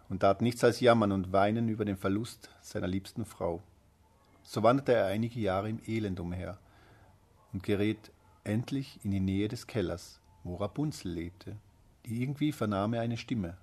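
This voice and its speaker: A man narrating a fairy tale in a calm, steady storytelling manner, with a husky voice. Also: on the low side.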